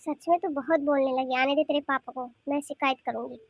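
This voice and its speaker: Woman doing a bossy cartoon granny, scolding, nagging, high voice, dry close sound. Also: steady tone, a little fast, no echo. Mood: sarcastic. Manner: scolding, nagging rhetorical questions. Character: scolding grandmother, sharp-tongued and bossy. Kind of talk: cartoon voice acting.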